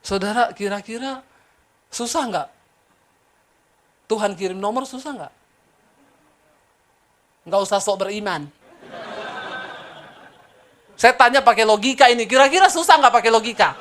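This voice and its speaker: A middle-aged woman pastor giving a storytelling sermon, lively and animated, often asking the congregation questions. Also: fairly high pitch, measured pace, pauses often.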